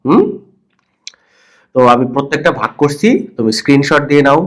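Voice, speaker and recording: A Bangladeshi man teaching English to children with a cold, repeating words slowly and saying the first syllable loudly and the rest softly. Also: fairly high pitch. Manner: playful teasing of pupils. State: has a cold. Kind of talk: slow explanatory lesson for children.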